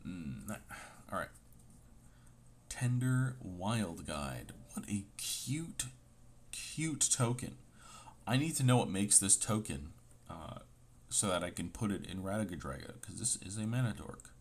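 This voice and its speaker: Low, unhurried man with a sore throat. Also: lively intonation, slight background noise. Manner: reads card names aloud with playful asides. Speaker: host opening trading card packs. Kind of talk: casual chat.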